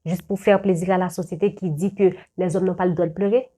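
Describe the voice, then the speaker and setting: A woman's voice: fairly low pitch, fairly even intonation, brisk, dark tone. A young adult woman giving earnest, lecturing advice straight to her viewers, often repeating words and restarting. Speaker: video creator giving life advice. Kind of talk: direct-to-camera advice talk.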